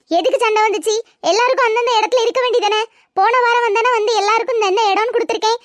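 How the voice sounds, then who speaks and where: A woman's voice: very high voice, fairly bright tone. A woman voicing a stern schoolteacher in a cartoon, scolding her pupils with a Tirunelveli Tamil accent. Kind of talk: comic cartoon voice acting.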